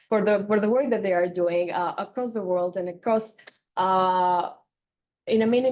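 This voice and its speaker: A woman moderating a panel, introducing a speaker informally in a halting way, rephrasing as she goes. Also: medium pitch, darkish tone.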